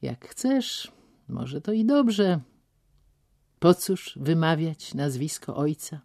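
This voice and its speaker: A woman voicing a deaf older gentleman who talks loudly and insistently, with a dry, teasing manner. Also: low voice, big pitch swings, slow, full character voice.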